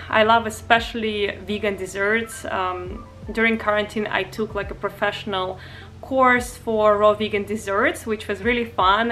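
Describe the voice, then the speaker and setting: Twenties woman, Russian accent, bright voice, casual vlog chat into a nearby camera. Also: medium pitch. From Far East Russia. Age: 20s. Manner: chatty, frequent "um" and "like", light laughs. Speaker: vlogger. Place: bedroom, indoors. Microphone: camera at close range.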